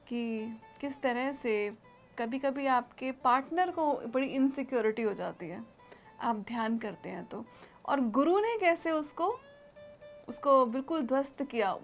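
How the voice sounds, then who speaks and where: Female show host, higher pitch, attentive, measured reflective delivery. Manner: attentive listener, slow reflective summaries. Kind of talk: interview.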